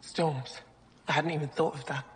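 A woman's voice: low voice, fairly even intonation, normal speed, a little hiss or hum, natural voice. Woman playing thoughtful alien curator with long reverb. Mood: awed, intrigued. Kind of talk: video game dialogue. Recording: reverberant game audio.

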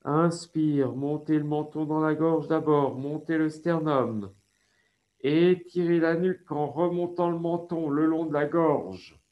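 Slow, calm French yoga teacher. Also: male voice, a little high, highs cut off. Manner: slow, calm instructions with breath cues. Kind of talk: guided yoga class. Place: home, over a video call. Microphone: video call.

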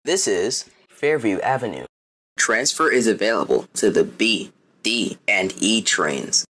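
Lively, slightly husky male subway announcer. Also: lowish voice, a little slow, no room sound. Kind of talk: scripted station announcements.

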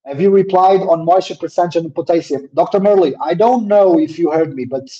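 On a video call through his laptop mic, a man fields questions in a live webinar Q&A, speaking fairly quickly and hesitating, restarting and repeating words as he works through each answer. His voice is somewhat high yet warm and mellow, though he says it's a little deep himself. The call audio sounds dull and lo-fi.

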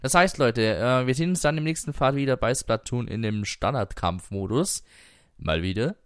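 A man giving casual commentary while playing an online shooter, excitable, humming and swearing at times. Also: medium pitch, moderate pace, clear, resonant tone, no room sound, studio quality. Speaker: gaming livestreamer.

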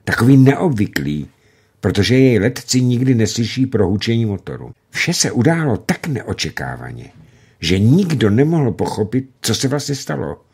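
A man narrating a novel in a measured, dramatic reading for radio. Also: medium pitch, very animated, vocal fry, a little mellow, slightly rough.

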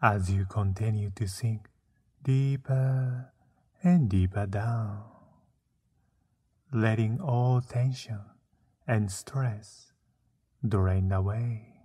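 A man narrating a guided meditation, soothing and unhurried, with frequent pauses between short phrases. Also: fairly low pitch, a little mellow, husky.

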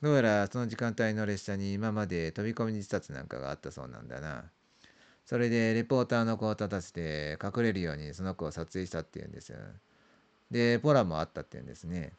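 A man's voice: low voice, lively intonation, fast, creaky, clean tone. A middle-aged man narrating a creepy ghost story in the manner of a veteran storyteller, drawing out words, repeating phrases and letting sentence ends trail off. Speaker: amateur ghost story teller. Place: small dark room indoors.

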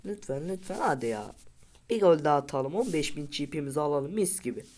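A man's voice: a little high, big pitch swings, fairly quick, darkish tone. A man giving casual commentary over a football video game, with frustrated outbursts and pleading at his players. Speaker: gaming video creator.

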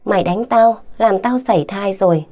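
A woman's voice: mid-range voice, normal speed, dark tone, lightly acted. A woman voicing a wronged, defiant young wife. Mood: angry hurt. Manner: indignant, rising and heated.

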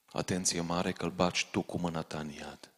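A man's voice: sits low, level tone. A man preaching a sermon to a congregation, warning them directly and urgently. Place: large church hall. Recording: long reverb of a church hall.

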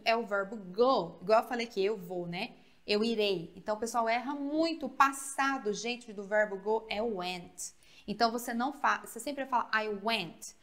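A woman from Brazil teaching English grammar in a video lesson. Her voice sits a little high, and she keeps checking in with her students as she explains. She repeats the example sentences slowly and clearly. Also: fairly bright tone.

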